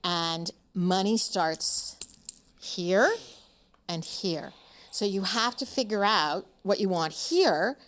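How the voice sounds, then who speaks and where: A woman's voice: medium pitch, slow pace, a bit bright. A woman in her seventies, a podcast interview guest, speaking frankly and emphatically with frequent "um" fillers. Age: 70s.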